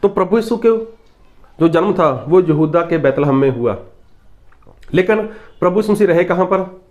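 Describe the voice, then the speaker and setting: A man from Punjab, India, preaches a Hindi sermon with Bible readings in a repetitive, emphatic teaching style, asking rhetorical questions. His voice is high, expressive and at normal speed with a darkish tone, and the audio sounds dull.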